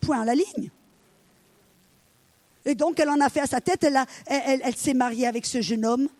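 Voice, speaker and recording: A woman in middle age delivers a sermon in a high voice. She tells her stories with energy and plays out the dialogue herself. She speaks straight to her congregation. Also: brisk. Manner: animated storytelling, acting out dialogue. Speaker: preacher.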